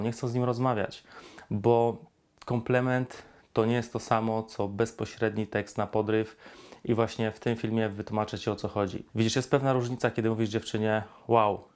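A man speaks in a low, fairly monotone voice. He coaches viewers on dating and talks to them directly. Now and then he acts out sample pickup lines. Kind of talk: direct-to-camera advice talk.

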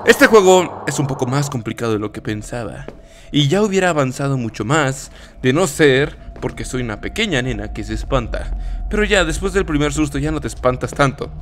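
A man's voice: mid-range voice, lively intonation, brisk, slight background noise. A young man commentating a horror game as he plays, reacting with swearing and nervous laughs. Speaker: gaming YouTuber.

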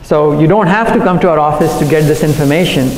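Higher-voiced man lecturing at a podium. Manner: earnest, speaks quickly with fillers and self-corrections. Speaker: cardiologist and conference speaker. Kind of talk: conference talk at a podium. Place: large hotel conference room. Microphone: podium microphone. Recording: echoey hall, recorded from afar.

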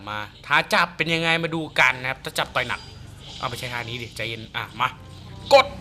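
A man reviewing a fighting game character, talking through the moves and exclaiming loudly at the flashy attacks. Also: medium pitch. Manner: excitable, exclaims and gasps often. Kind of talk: excited gameplay commentary. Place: home beside a busy road.

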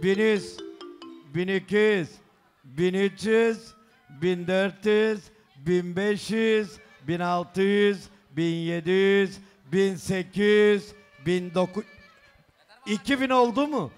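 A man working as a wedding announcer, booming out gifts and sums in drawn-out calls and bantering with guests. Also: steady tone, clean tone. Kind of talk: loud festive announcement of gifts, counting sums aloud. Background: celebration music.

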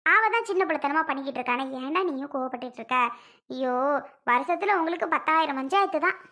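A performer voicing a weary grandmother who scolds and calms the family, in a family skit. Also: high voice, quick pace, voice pushed down. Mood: chiding. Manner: chiding and weary.

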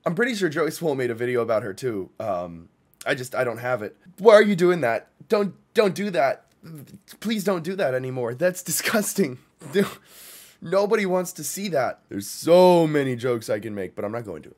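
A young adult man hosting a reaction video gives casual, blunt, slangy commentary, sounding exasperated. His mid-range voice is sing-song and a little mellow at a moderate pace, caught by a boom mic close by.

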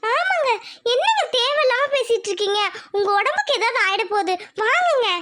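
Someone voicing a shrill coaxing cartoon wife. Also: sing-song, fairly quick, background noise. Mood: exasperated. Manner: coaxing, scolding. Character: worried village wife and mother.

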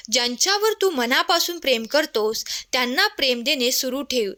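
A woman narrating a devotional message in a gentle, tender way, addressing the listener as a child. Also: high voice.

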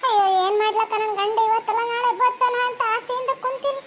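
A woman's voice: very high voice, fairly even intonation, quick pace, fairly bright tone, slight background noise. A woman playing a lonely village wife pining for her absent husband, speaking in a mournful, lamenting way with a North Karnataka Kannada accent.

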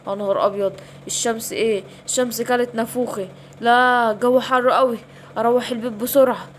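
A woman's voice: on the high side, steady tone, a little fast, a little hiss or hum, close to an everyday voice. A woman with an Egyptian accent voicing a kind, fretful father lion in a children's bedtime story. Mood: complaining. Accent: Egyptian Arabic.

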